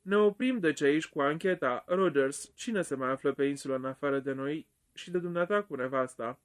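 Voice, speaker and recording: A calm, deliberate old judge, as an audiobook reader puts him on, weighing each word slowly. The voice sits a little high for a man. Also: natural voice. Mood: measured. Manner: slow, stresses every word.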